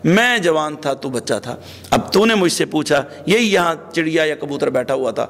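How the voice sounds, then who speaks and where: A man's voice: a little high, lively intonation, fairly bright tone. A man voicing an elderly father in a sermon story, pleading tearfully with his grown son. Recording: long hall reverb.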